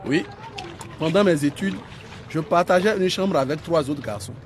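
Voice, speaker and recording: A man's voice: a little high, moderate pace, a little hiss or hum, close to an everyday voice. An actor playing a kindly, courteous male doctor in a radio drama, reassuring and polite. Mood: friendly, reminiscing.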